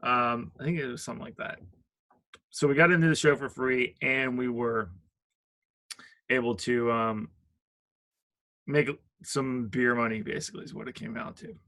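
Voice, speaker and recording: A man's voice: medium pitch, fairly even intonation, moderate pace, long pauses, bright, forceful tone. A middle-aged man casually telling a story, rambling with lots of fillers and restarts. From Richmond, Virginia.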